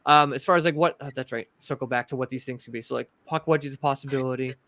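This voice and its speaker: A man from Massachusetts, a podcast guest telling paranormal investigation stories in a rambling, animated, filler-heavy way. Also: medium pitch, very fast, no echo. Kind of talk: casual storytelling.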